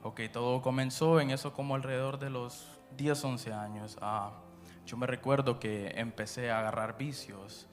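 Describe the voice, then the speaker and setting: A man's voice: mid-range voice, fairly even intonation, moderate pace. Guatemalan man telling his testimony over music. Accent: Guatemalan Spanish. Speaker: preacher giving his testimony. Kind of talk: personal testimony after prayer. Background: background music.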